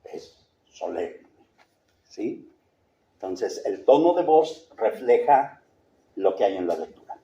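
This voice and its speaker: A man leads a training class for church readers at a slow, deliberate pace. His voice is dark and mellow but swings widely in pitch as he acts out different tones. The room around him is echoey. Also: sing-song, dull audio. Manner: demonstrates readings with shifting tone, slow and deliberate. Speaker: lector training instructor. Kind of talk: workshop lesson. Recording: roomy echo.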